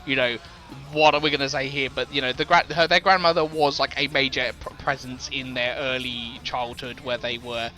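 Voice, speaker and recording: Here the music podcast co-host speaks at a normal speed in a steady, mid-range voice with a sharp edge. His chat is loose and rambling, peppered with fillers and false starts, and he's quick to laugh.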